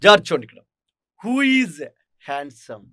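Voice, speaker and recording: A man teaches grammar, explaining step by step and asking his students questions as he goes. His voice sits high for a man, and the recording is dry, with no room sound. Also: lively intonation, unhurried, bright, forceful tone, no echo. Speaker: English teacher. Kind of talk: recorded classroom lesson. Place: online teaching studio.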